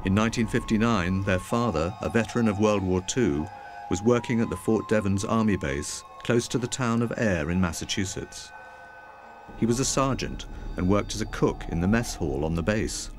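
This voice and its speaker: A man giving measured, scripted documentary narration. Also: fairly low pitch. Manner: measured, even reading. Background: music.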